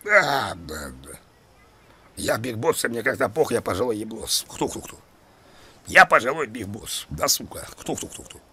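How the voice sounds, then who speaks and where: A man's voice: mid-range voice, very animated, normal speed, slightly rough, pitched below the performer's own voice, heavily acted. A man playing a swearing old factory-worker gamer. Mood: abusive. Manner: constant swearing, belligerent shouting. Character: foul-mouthed elderly male factory worker tank gamer. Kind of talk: comic role-play on a stream.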